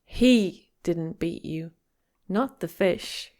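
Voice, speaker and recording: A man voicing a loyal young fisherman boy in an audiobook, with a soft, slowed, raised boyish voice. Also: sits high, pitched above the performer's own voice. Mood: earnest. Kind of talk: audiobook character voice.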